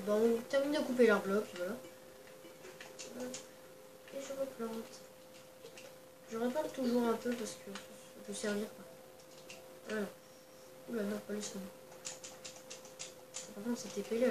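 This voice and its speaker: A woman, quietly talking through a video game in a rambling casual way, full of hesitations. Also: a little high, background noise. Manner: talks quietly, holding her voice down at night. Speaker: gaming channel host. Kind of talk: casual let's-play commentary. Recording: echoey room, distant mic, game music behind.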